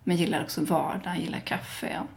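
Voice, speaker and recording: Gravelly, low-voiced Swedish woman rambling. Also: little pitch movement, a little mellow. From Sweden. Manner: rambling, with many fillers. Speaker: interview guest. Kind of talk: casual interview conversation.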